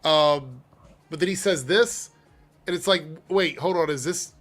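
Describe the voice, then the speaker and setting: A man's voice: a little high, measured pace, soft background music. Chatty upbeat male livestream host. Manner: chatty and animated, laughs often. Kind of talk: casual chat, reading super chats.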